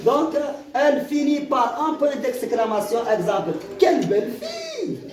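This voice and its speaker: A French teacher explains grammar to a school class, often repeating and restarting his words as he gives examples. His voice is extremely high with big pitch swings at a moderate pace. He's far from the mic in an echoey classroom, with student noise and a crowd in the background.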